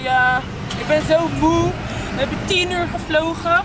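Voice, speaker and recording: A young woman chatting casually on a travel vlog, lively and slangy, filmed on a handheld camera outdoors and in a minivan. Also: very high-pitched, unhurried, background noise. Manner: lively, slangy, laughs often. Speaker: travel vlogger.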